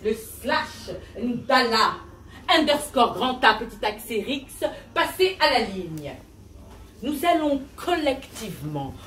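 A stand-up performer with a fairly high, slightly bright voice plays a grandiose self-esteem coach in a full character voice, preaching in mock-solemn call-and-response and mixing in English jargon. In a large, resonant venue, her voice carries a big cathedral-like echo, picked up by a distant mic in an echoey room with slight background noise.

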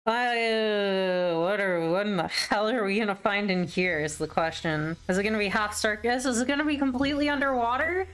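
A woman's voice: medium pitch, normal speed, hardly any pauses, a bit bright, clear, resonant tone. A woman streaming a video game with casual, sweary commentary, exclaiming and talking to herself as she plays. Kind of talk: casual reactive let's play commentary.

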